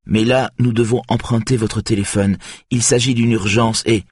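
A man's voice: on the low side, fairly even intonation, moderate pace, breathy edge, no echo, studio quality, pitched above the performer's own voice. A man doing an exhausted, pleading young man. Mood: urgent. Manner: urgent, pleading.

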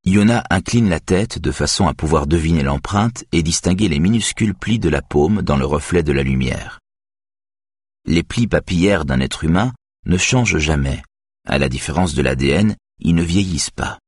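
A man reading a crime novel aloud as narrator, in a steady, even way. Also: very deep voice, moderate pace, husky, dry recording, studio quality. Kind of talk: audiobook narration.

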